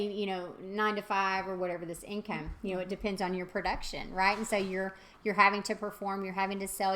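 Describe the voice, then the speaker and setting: A middle-aged woman, chatting casually and telling stories animatedly, with plenty of fillers. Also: medium pitch. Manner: animated storytelling with many fillers. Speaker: host. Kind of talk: casual chat.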